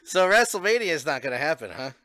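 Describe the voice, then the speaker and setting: A man's voice: on the high side, big pitch swings, fast talker, pushed and bright, no echo, clean studio sound. A man in his thirties hosting a casual podcast, teasing his guest and laughing easily. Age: 30s. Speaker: host.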